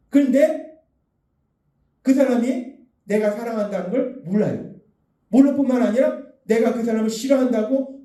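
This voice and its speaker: A man's voice: sits high, warm tone, reverberant, far from the mic. A man preaching a sermon as pastor, asking earnest rhetorical questions. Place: church sanctuary.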